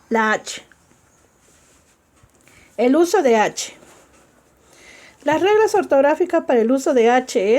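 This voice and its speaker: Slow, careful woman teaching spelling. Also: fairly high pitch, darkish tone. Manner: slow, spells out letters and repeats examples; checks in with listeners. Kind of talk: spelling lesson.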